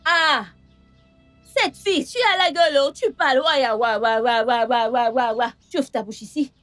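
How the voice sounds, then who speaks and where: A woman dubbing a film into French, playing a brash young woman who taunts and mocks others loudly. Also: high-pitched, animated, moderate pace, soft background music. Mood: mocking. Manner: mocking, loud and taunting. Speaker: voice actor in a French dub. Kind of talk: dubbed film acting.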